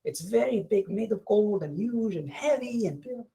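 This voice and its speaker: A man giving an informal lecture over a video call. He retells a story haltingly, with many restarts. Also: high-pitched, animated, gravelly, mellow, husky, low-quality recording. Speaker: lodge presenter.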